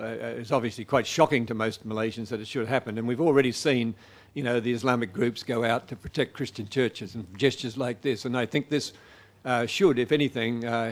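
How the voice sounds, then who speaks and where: A man answering audience questions after a lecture. He speaks in a halting, thoughtful way, pausing often and restarting his sentences. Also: medium pitch. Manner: hesitant, many fillers and restarts. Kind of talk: public talk Q&A.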